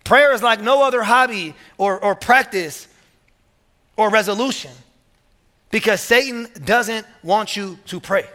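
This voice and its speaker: His voice high and bright, a pastor delivers an energetic sermon a little slowly, driving home points by repeating key words and building to emphatic peaks. The large hall gives his preaching a long, ringing reverb.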